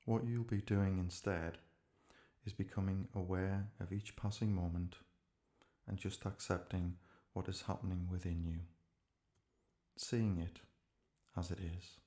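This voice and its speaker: With a voice that sits low, a man softly guides listeners into relaxation. He speaks in short, measured phrases and leaves space between them.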